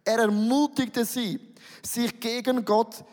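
A man's voice: very high voice, steady tone, slow pace, a little mellow, long reverb tail. A man with a Swiss German accent preaching a sermon, emphatic, repeating words and asking rhetorical questions.

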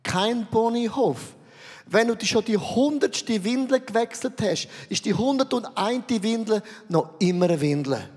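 A high-voiced middle-aged man with a Swiss German accent preaches in a slow, deliberate way. He swings between loud outbursts and hushed low lines, and his voice rings through a large hall with long reverb. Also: lively intonation. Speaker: pastor. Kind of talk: sermon.

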